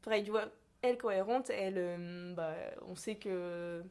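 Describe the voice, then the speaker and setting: A woman's voice: mid-range voice, moderate pace, a little mellow, clear, resonant tone. A young woman from France talking casually, hesitant and full of fillers as she searches for her words. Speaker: podcast guest. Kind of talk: casual conversation.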